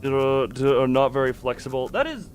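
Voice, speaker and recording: This game streamer's mid-range voice swings widely in pitch at a moderate pace, with slight background noise. He hosts a casual livestream, rambling and thinking out loud while he plays and comments on the game.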